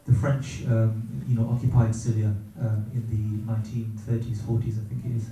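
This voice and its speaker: A middle-aged man giving a gentle, reverent religious talk about his own experiences, pausing often as he searches for words. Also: on the low side, level tone. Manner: gentle, reverent, hesitant with many pauses and fillers. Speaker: speaker sharing personal experience. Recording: very echoey room, distant from mic.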